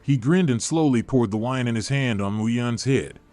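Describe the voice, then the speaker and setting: A man reading a story aloud in an even, steady narration, with dialogue read in much the same flat voice. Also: medium pitch, normal speed. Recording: faint music behind.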